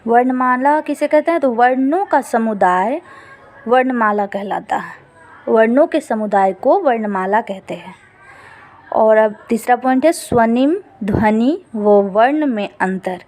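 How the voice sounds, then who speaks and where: Slow, high-voiced woman teaching. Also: lively intonation, darkish tone. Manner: slow, repeats each definition. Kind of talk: exam-prep lesson.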